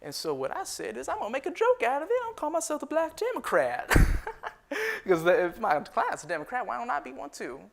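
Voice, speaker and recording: A man's voice: extremely high pitch, big pitch swings, quick pace, vocal fry, hardly any pauses, fairly bright tone, heavily acted. A man playing a proud former slave turned barber entrepreneur, telling his story in a folksy first-person monologue with frequent chuckles. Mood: boastful. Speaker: historical reenactor.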